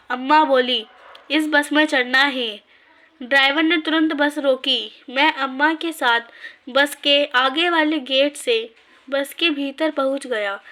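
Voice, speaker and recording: A woman reading a story aloud in a measured, scripted narration. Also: sits high, sharp tone.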